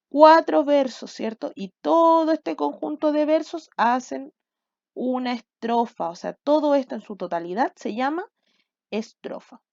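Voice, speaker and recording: A woman's voice: sits high, darkish tone, dry recording, highs cut off. A woman from Chile teaching a class, explaining step by step and often checking with "¿cierto?" and "¿ya?". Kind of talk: recorded online class.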